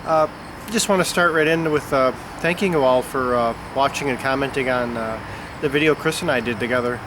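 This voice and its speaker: A record-collecting vlogger from the Chicago area chats casually and unscripted to camera about music, outdoors on a summer afternoon. He's congested and stuffed up, speaking briskly in a mid-range voice and rambling with lots of fillers, while insects and traffic are audible.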